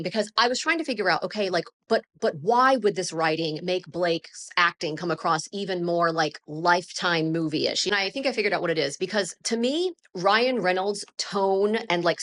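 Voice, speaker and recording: A woman's voice: on the low side, fairly bright tone. A young adult woman giving a chatty, candid film critique, full of "like" fillers. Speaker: film reviewer. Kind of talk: casual spoken film critique.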